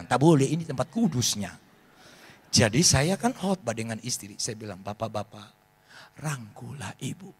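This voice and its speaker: A man, preaching a sermon as pastor and telling animated stories. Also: medium pitch, husky. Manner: animated storytelling, acts out voices of people in his stories.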